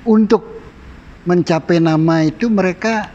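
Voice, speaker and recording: Male interviewer with a higher voice, affirming and probing, dull lo-fi recording. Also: unhurried, slight background noise. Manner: frequent short affirmations, gentle probing questions. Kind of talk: casual interview.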